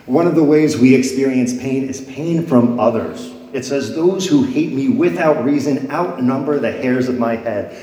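A pastor's mellow, medium-pitched voice fills an echoey church hall with long reverb, and a little hiss or hum can be heard. At a moderate pace, he reads scripture dramatically in his sermon, his voice swelling and falling before the congregation.

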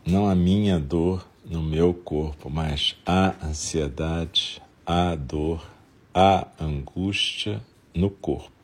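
A man with a Brazilian accent leads a guided compassion meditation in a soft, soothing, gentle way, leaving long pauses, with a breathy, husky voice. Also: low-pitched. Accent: Brazilian Portuguese.

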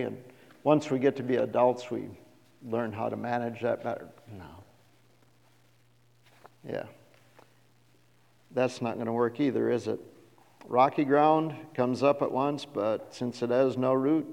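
A middle-aged man preaching a sermon as a pastor, animated and asking the congregation questions. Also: mid-range voice, creaky. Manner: animated, acts out quoted voices, asks the congregation questions. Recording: reverberant hall.

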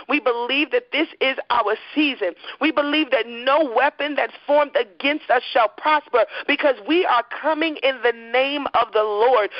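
A woman's voice: high-pitched, no room sound, lo-fi sound. A woman leading a fervent spoken prayer over a call-in line, in a rhythmic, repetitive declaring manner. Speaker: prayer leader. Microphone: phone line.

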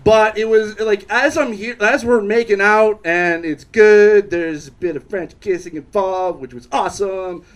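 A man's voice: high voice, unhurried, hardly any pauses, low-quality recording. A young man doing stand-up storytelling at a live bar show, rambling and self-interrupting. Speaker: stand-up comedian.

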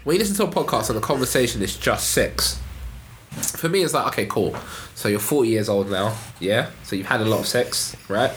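A man's voice: on the low side, lively intonation, fairly quick, a bit bright, a little hiss or hum. A man debating casually on a podcast, blunt and repetitive, firing off rhetorical questions. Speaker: podcast panellist and studio owner.

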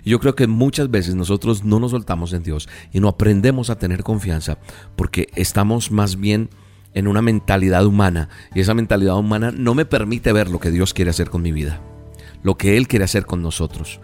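A man preaching a devotional sermon, telling a story in an earnest, emphatic way with dramatic pauses. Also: on the low side, darkish tone, faint music behind.

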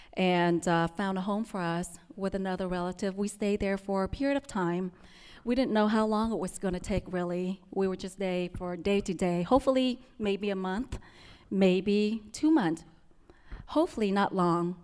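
A young woman from Vietnam with a Vietnamese accent, softly telling her personal story to an audience, with many pauses and restarts. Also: medium pitch, clean tone, in a large hall. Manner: soft-spoken, with frequent ums and restarts.

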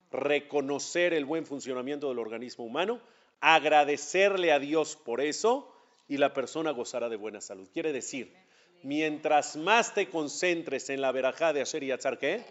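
A man, a rabbi giving a class, who asks his students rhetorical questions and answers them himself in a conversational way. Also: medium pitch. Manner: conversational, addresses students directly. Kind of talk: religious class lecture. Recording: dull lo-fi class recording.

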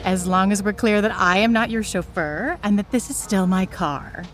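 Woman playing snarky cabbie type lady, old radio play, normal pitch, music under it. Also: moderate pace, a bit bright, lightly acted. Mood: wry. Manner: wry, sardonic. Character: sassy, cynical young woman driver.

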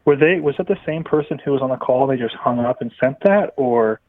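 A man calling in on speakerphone, his voice muffled and quiet as he talks in a deadpan, rambling way with many fillers. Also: medium pitch, fairly quick, no echo. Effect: caller heard over a phone line on speakerphone. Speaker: caller. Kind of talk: casual call-in chat. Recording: tinny muffled phone line.

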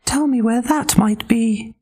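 Squeaky, smug little pig. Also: male voice, a little slow, warm tone, breathy edge, exaggerated voice. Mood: cheeky. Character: clever little male pig, cheeky and sure of himself.

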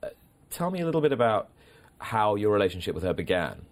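A man interviewing a horse trainer, asking articulate, flattering questions. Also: on the low side, fast.

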